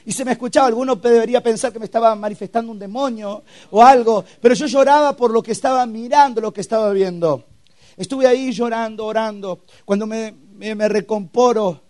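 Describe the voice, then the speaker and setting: A man's voice: extremely high pitch, brisk, darkish tone. A young man preaches his testimony to a youth camp. He tells the story with feeling and acts out scenes with sound effects. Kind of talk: testimony sermon.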